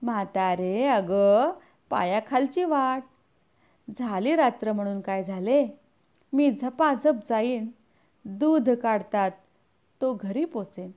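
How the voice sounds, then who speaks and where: A woman's voice: a little high, lively intonation, takes it slowly, pauses often, muffled recording. A woman reading the lines of a self-assured grown village landowner in a storybook. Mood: dismissive.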